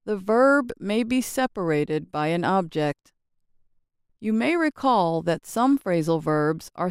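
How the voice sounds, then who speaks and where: An American woman narrating a scripted English lesson, speaking slowly, carefully and expressively. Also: medium pitch, a little mellow, smooth, no echo, studio quality.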